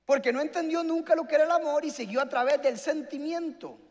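High-voiced preacher in a hall. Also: male voice, brisk. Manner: preaching, asks the congregation questions. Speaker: pastor. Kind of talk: sermon. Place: church hall. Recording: long hall reverb with faint music.

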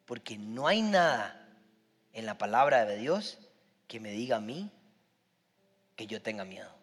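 A man with a Costa Rican accent preaching a sermon as a pastor, emphatic, with sudden swings in loudness. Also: on the low side, big pitch swings, measured pace. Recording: long reverb in a large hall.

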